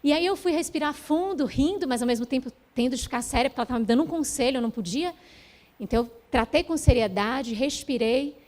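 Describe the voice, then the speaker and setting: A middle-aged woman gives a heartfelt spiritual talk in a gentle, fairly high voice. She tells her story unhurriedly, pausing between phrases. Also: animated. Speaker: spiritual speaker.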